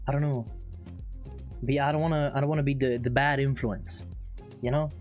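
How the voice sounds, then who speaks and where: A man who speaks English as a second language chats casually on a live trading stream, laughing often and reading the chat aloud. His medium-pitched, darkish voice keeps fairly even intonation at a moderate pace, with faint music behind him.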